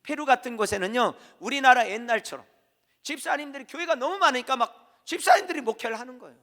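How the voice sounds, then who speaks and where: A man from South Korea preaching an emphatic sermon as a pastor, telling stories and swinging between loud and quiet. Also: extremely high pitch, lively intonation, quick pace, big-room sound. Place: church.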